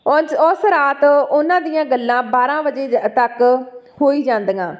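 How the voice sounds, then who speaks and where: A woman's voice: sits high, unhurried. A woman with a Punjabi accent reading a story aloud as narrator, voicing the dialogue along with the narration.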